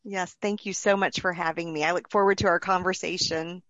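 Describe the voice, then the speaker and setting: A woman from Missouri, a spiritual director and pastor, speaking softly as an interview guest. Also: fairly low pitch, steady tone, fairly quick. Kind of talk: interview conversation. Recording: dry, dull lo-fi sound.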